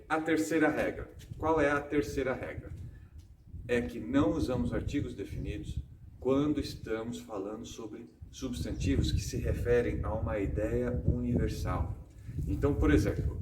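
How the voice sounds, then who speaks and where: A Brazilian man gives a casual home English lesson, asking himself questions and then answering them. He slows down to stress each example. His voice sits at an ordinary pitch and sounds roomy and a bit distant from the mic, with faint background noise. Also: darkish tone. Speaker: English teacher and host.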